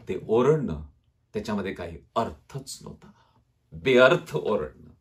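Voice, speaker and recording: Male pastor, Marathi accent, high voice, dramatic sermon delivery with quiet low drops.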